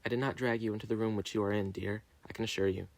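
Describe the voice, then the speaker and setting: A man's voice: lowish voice, steady tone, racing, no room sound, natural voice. A man voicing a composed female doctor in a story reading, polite and almost sympathetic. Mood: calm, sympathetic.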